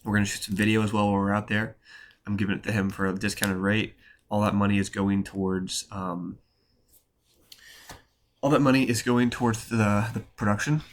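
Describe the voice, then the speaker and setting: A man's voice: on the low side, level tone, a little fast, long pauses, slight background noise. A young man talking in a loose, rambling vlog style, full of fillers and slang, his voice nasal from a cold. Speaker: photographer vlogger.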